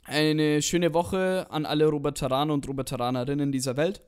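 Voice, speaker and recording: A man's voice: a little high, steady tone, fairly quick, darkish tone, smooth. A man co-hosting a podcast in casual chat, rambling, using slang and swearing. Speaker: podcast co-host.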